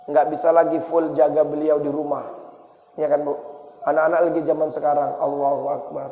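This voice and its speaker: A man with a Medan accent preaches a Ramadan sermon in a fairly high voice. He tells stories briskly and keeps turning to the listeners with questions. The sound is dull and rings with a long reverb in a prayer hall. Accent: Medan Indonesian. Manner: lively storytelling, addresses audience directly. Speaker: ustaz preacher.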